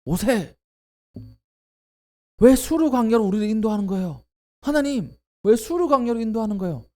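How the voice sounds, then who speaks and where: A man's voice: extremely high pitch, dark tone, pitched above the performer's own voice. A man voicing a grumbling crowd of thirsty desert wanderers, complaining and accusing in a raised, strained voice.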